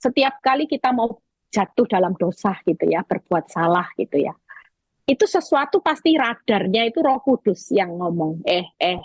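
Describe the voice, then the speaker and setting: Husky-voiced woman preaching over video call. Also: medium pitch, normal speed, no room sound. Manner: lively storytelling, addresses listeners directly. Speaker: evangelist preacher.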